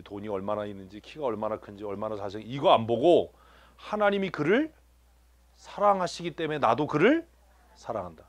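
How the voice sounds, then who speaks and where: A man's voice: medium pitch, no echo. A man preaching a sermon in a church, joking with the congregation and asking them questions. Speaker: pastor. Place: church sanctuary.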